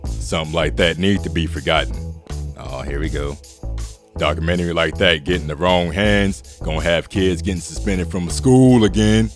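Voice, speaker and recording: Deadpan slangy uncle type, male performer, low pitch, comedy skit delivery with faint music underneath. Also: normal speed, lightly acted.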